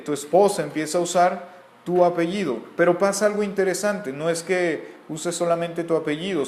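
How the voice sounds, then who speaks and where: A man's voice: on the high side, echoey room, slight background noise. A man from Mexico with a Mexican accent, giving an earnest, repetitive Bible teaching. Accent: Mexican Spanish.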